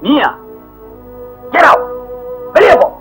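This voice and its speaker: An actor playing a pompous male Hindi teacher who scolds and shouts at his class in a comic film scene. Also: extremely high pitch, lively intonation, moderate pace, soft background music, low-quality recording. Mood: furious. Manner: shouting, mixes English and Hindi, comic bluster. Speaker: schoolteacher. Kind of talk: 1980s film acting.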